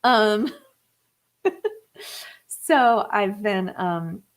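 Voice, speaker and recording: Very slowly but in an animated way, a woman in her thirties speaks at a medium pitch while chatting with viewers on her live stream as a musician. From the Atlanta area, she rambles, uses many fillers, and laughs a lot.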